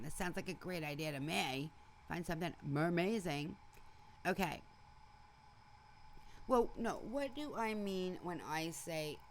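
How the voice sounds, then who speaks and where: Losing her voice, the host of a casual morning livestream rambles along, greeting and chatting with viewers by name. She sounds low-pitched and creaky, with a little hiss or hum in the recording.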